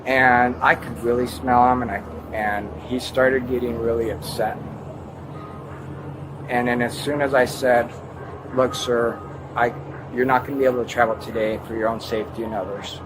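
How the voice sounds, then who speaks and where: A man gives his account of an incident to police. His mid-pitched voice moves haltingly through the story, rambling and re-enacting what was said. The body camera audio carries plain noise and vehicle rumble. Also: level tone. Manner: halting, rambling, acts out his own quoted words. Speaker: airport airline worker giving a witness account.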